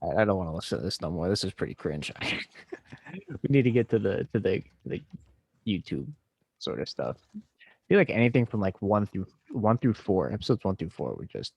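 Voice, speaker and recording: A man's voice: sits low, very animated, brisk, creaky, darkish tone, breathy edge, no echo. A man hosting a podcast, chatting casually and bluntly while reacting to old episodes, laid-back and poking fun at himself. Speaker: podcast host.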